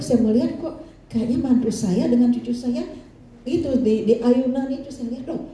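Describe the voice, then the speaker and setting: Older woman, pastor, storytelling sermon, keeps addressing the congregation, very dark mellow tone, distant off-mic sound. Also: a little high, slight background noise. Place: church hall. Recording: roomy echo, voice from off-mic.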